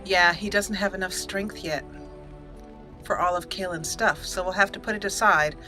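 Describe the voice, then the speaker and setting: A woman hosts a casual let's play, chatting and thinking aloud as she goes, with some roleplayed dialogue. Her fairly low voice moves at a moderate pace over soft game music.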